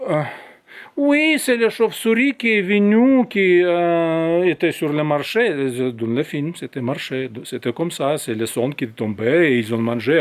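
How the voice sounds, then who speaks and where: Male citizen, foreign accent, slightly high voice, hesitant open-letter delivery. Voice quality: non-native French speaker with a foreign accent. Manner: hesitant, halting, many restarts. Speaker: citizen addressing a newsroom. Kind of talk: open-letter monologue to camera.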